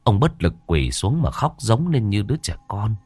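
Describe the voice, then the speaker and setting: A man's voice: fairly low pitch, very animated, moderate pace, warm tone, breathy edge, no echo, faint music behind. A man narrating a ghost story expressively.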